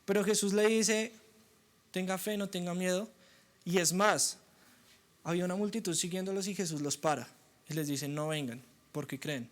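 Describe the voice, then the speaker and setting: A young man preaching a sermon, animated and acting out the voices of doubters. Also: sits high, moderate pace. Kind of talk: sermon teaching.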